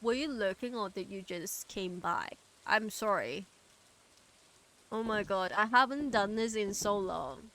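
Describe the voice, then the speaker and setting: A woman streams a game and chats casually with her chat, rambling with plenty of fillers and trailing off before starting over. Her voice is medium-pitched and a bit bright, and she speaks unhurriedly.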